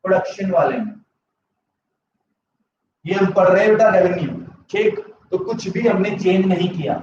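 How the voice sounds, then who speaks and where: A man with a high, darkish voice and lively intonation speaks at normal speed over slight background noise. Despite a sore throat, he delivers a live online economics lecture, peppering it with English terms and asking his students yes-or-no questions. The audio is echoey, distant and slightly dull.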